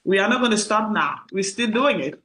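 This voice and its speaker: Woman lawyer on the radio, mid pitch, friendly, laughs a lot. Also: lively intonation, normal speed, fairly bright tone. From Cameroon. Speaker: immigration attorney, guest. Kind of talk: radio interview.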